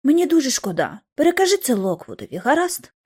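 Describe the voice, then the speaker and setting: A woman's voice: high voice, very animated, fast, a little mellow, voice pushed up. A woman voicing a weak, resigned young man.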